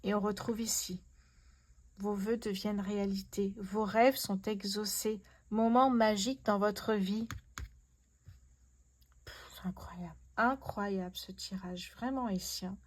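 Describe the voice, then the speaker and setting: A woman hosting a tarot reading speaks to her viewers in a casual, personal way, gushing with wonder and repeatedly voicing her amazement. Her voice sits at a middle pitch for a woman, a little slow and fairly even in intonation.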